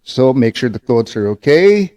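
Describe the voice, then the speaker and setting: A man's voice: mid-range voice, very animated, normal speed, mellow. A man giving an instructional demonstration as a teacher, patient and repetitive, often checking in with short tag questions. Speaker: ventriloquism instructor.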